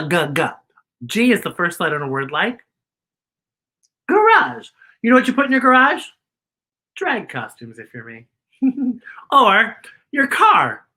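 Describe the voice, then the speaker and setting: A woman with a low, sharp voice presents a playful children's story time, sprinkling in song. Her delivery is theatrical and full of exclamations, with a campy, drag-like sass.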